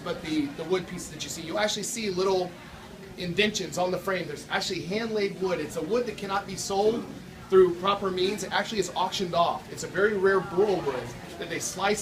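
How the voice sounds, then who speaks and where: A man hosting a gallery event, giving a sales presentation to guests and repeating phrases for emphasis. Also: sits high. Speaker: gallery art dealer hosting a show opening. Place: gallery room at a live event. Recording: distant mic, noisy room.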